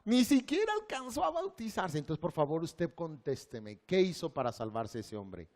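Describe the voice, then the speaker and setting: Animated Mexican pastor preaching. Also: male voice, on the high side, moderate pace. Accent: Mexican Spanish. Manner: asks the congregation questions, acts out quotes, ends in a quiet guided prayer. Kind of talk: sermon.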